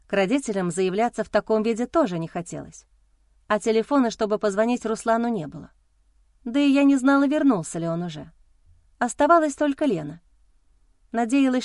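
A woman narrating a first-person story in an expressive, emotional way. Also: fairly high pitch, no echo, studio quality.

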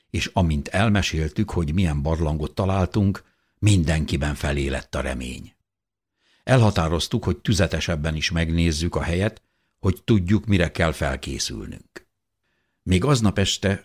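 A man reading a first-person audiobook in a measured, expressive storytelling manner. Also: deep voice, husky. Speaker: audiobook narrator.

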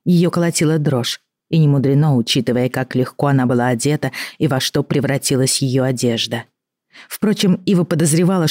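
A woman with a low, deep voice narrates a storybook in a measured, expressive way. The recording is dry and close, with no room sound. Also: dry recording. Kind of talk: audiobook narration.

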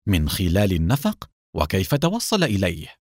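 A man's voice: medium pitch, big pitch swings, a little fast, darkish tone, breathy edge, dry recording, studio quality. A man doing a polite, welcoming rich engineer. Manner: polite, courteous. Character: wealthy young male engineer, polite and welcoming.

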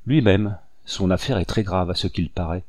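A man voicing a cunning, scheming older woman who speaks curtly and in a hushed tone, in a dry recording. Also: low voice, normal speed, no echo. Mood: persuading. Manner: curt, sharp, hushed.

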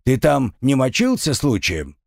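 A man's voice: medium pitch, huge pitch swings, a little slow, creaky, no room sound, clean studio sound, voice pushed up, exaggerated voice. A man voicing a blunt, sardonic adult hero who snaps impatiently. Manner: blunt, snappish.

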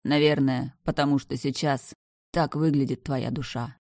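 Woman voicing a gentle young brother in an audiobook, soft and reassuring, low dry voice. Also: fairly even intonation, moderate pace, no echo. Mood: tender. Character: gentle protective dead older brother, tender young man. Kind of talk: audiobook character reading.

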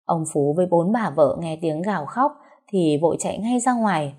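A woman narrating a scripted audio story in an even storytelling manner. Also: lowish voice, normal speed, slightly rough. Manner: steady storytelling that voices every character herself.

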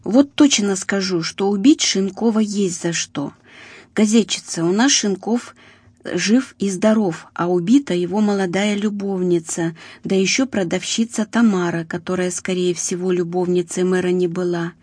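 A woman voicing an outspoken former journalist in an audiobook, blunt and opinionated, with a mellow, husky voice. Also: mid-range voice, moderate pace, dry recording, close to an everyday voice. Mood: indignant. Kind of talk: audiobook reading.

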